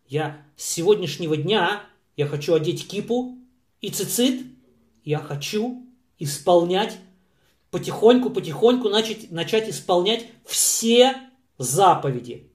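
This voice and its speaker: A man's voice: extremely high pitch, pitched above the performer's own voice. A man voicing a grateful young soldier who has turned devout, speaking earnestly and repeating his phrases. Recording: echoey room.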